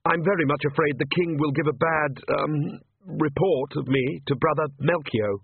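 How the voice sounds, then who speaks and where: A man's voice: a little high, normal speed, gravelly, husky, no room sound, pitched above the performer's own voice. A man doing a stammering timid priest. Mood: fretful. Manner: stammering, hesitant, full of ums. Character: nervous, apologetic young male priest. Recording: tinny phone-like line.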